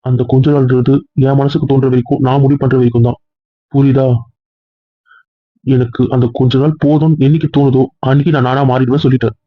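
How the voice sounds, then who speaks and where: A man's voice: medium pitch, level tone, close to an everyday voice. A man playing a possessive young husband. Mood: insistent. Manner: pleading then insistent, quick. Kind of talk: hobby audio drama. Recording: tinny phone-like dry sound.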